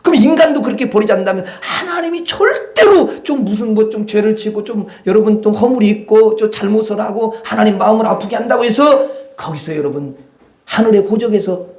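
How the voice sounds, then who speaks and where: A high-pitched male pastor preaches with animated, conversational energy and throws rhetorical questions to the congregation. His voice rings through a roomy church sanctuary. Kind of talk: sermon.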